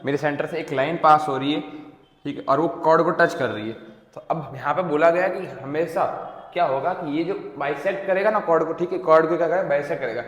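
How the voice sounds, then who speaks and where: A man's voice: a little high, fairly quick, fairly bright tone, highs cut off. Chatty young male math teacher. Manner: repeats questions and answers them himself, keeps checking in with "theek hai". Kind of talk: casual Hindi-English lecture to students. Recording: echoey room with long reverb.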